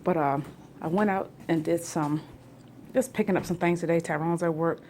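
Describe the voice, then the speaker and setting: A woman in her forties chatting at home in a rambling family vlog, now and then rising into loud, excited bursts. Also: on the low side, moderate pace, a little hiss or hum. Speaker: family vlogger. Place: home, near the kitchen.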